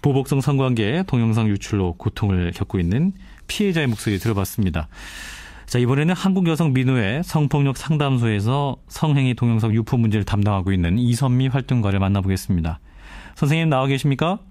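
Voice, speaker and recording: Fast-talking male radio news host. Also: medium pitch, lively intonation, warm tone, no echo. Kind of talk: broadcast interviewing. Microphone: close studio microphone.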